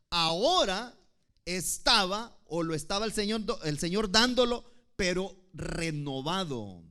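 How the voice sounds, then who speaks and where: A man preaching a sermon, explaining scripture in a slow, emphatic teaching manner and addressing the congregation as brothers. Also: sits high, a bit bright. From El Salvador.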